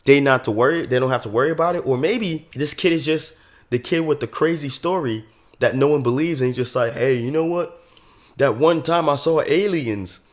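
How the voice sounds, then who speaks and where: A man giving a casual, enthusiastic spoiler review of a show, chatty and slangy. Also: medium pitch.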